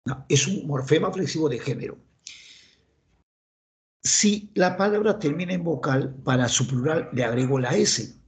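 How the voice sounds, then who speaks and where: A man's voice: on the high side, moderate pace, breathy edge. A man with a Peruvian Spanish accent teaching a grammar lesson, asking himself questions and answering them in students' voices. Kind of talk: classroom grammar lecture.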